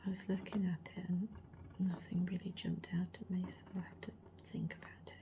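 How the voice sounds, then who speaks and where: A middle-aged woman, chatting in a soft rambling whisper as an ASMR creator, her voice slightly worn and gravelly. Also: fairly low pitch, flat delivery, fairly quick. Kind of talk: whispered role-play.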